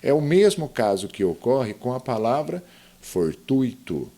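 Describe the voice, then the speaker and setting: A man gives a grammar lesson, his pitch rising and falling a lot as he explains each point. He walks through it step by step and keeps asking his viewers questions. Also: big pitch swings, moderate pace, mellow. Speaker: grammar teacher.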